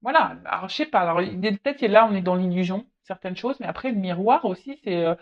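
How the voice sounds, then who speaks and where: Woman tarot reader talking straight to the viewer, hesitant and repetitive, mid-pitched, muffled home recording. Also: expressive. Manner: halting, repeats words, many fillers; speaks directly to the viewer. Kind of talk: casual tarot reading to camera. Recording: slightly dull lo-fi audio.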